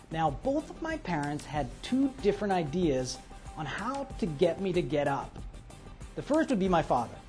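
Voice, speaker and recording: Lively man telling a motivational story. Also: on the high side. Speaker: motivational host.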